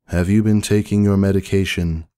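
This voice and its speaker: Man doing deadpan pony big sister, super deep and flat. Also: moderate pace, clean tone, close to an everyday voice. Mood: stern. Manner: deadpan, firm. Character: stoic young female pony, elder sister. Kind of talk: fan fiction dramatic reading.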